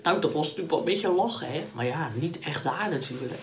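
A woman telling a Bible story to children, animated and addressing them directly. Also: deep voice, a little fast, slight background noise.

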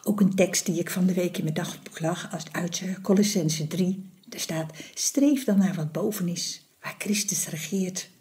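A woman giving a morning devotional in a soft, gentle voice that often drops to a half-whisper. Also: fairly low pitch, normal speed. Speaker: devotional speaker.

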